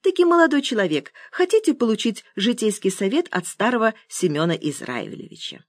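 A woman's voice: a little high, sing-song, fairly quick, dry recording, studio quality, pitched above the performer's own voice. A woman voicing a fussy, talkative old man who keeps dropping a little verbal tic into every phrase. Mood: confiding. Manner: peppers every phrase with "таки".

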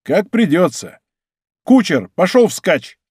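A man voicing a bold young male musketeer who gives quick, commanding orders. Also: high voice, sing-song, a little mellow, slightly rough, no room sound, studio quality, voice pushed up, exaggerated voice. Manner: brisk, commanding.

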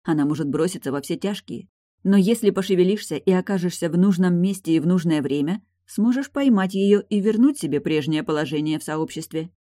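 A woman reading an audiobook, voicing a brash, sharp-tongued retired guardswoman who is mocking, blunt and pushy. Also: fairly low pitch, brisk, no room sound, studio quality, pitched above the performer's own voice, close to an everyday voice. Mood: scheming.

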